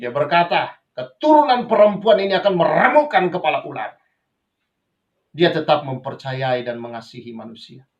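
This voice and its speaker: A man who is a pastor preaching a sermon, swinging between raised passages and quiet asides, often addressing the congregation as brothers and sisters. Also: medium pitch. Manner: preaches with sudden rises and drops, addresses listeners as brothers and sisters.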